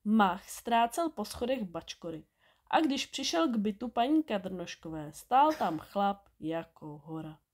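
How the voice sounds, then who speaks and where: A woman reading a bedtime story aloud, expressive and animated. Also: mid-range voice.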